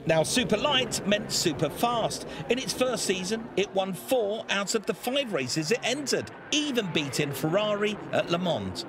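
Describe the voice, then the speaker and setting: High, animated narrator. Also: male voice, measured pace, hardly any pauses, background noise. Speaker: documentary narrator. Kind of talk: scripted narration. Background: background music.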